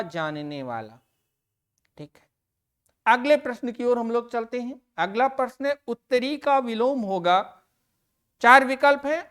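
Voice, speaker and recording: Slow, clear-voiced woman teaching a lesson. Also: fairly high pitch, a bit bright. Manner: slow, deliberate, repeats and stresses each answer word. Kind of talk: exam-prep grammar lesson.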